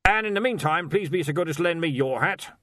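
Pompous, loud old head wizard, high and bossy, dry close read, from a man narrating. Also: expressive, fast talker, no room sound. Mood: blustering. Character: blustering older male wizard headmaster. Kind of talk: audiobook character voice.

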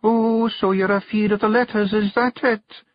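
A man's voice: high voice, steady tone, moderate pace, dry recording, lo-fi sound, pitched above the performer's own voice, lightly acted. A man playing a bossy Scottish fairy queen. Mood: coaxing. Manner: scolding, coaxing, artful. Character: small sharp-tongued fairy clan queen, female, bossy.

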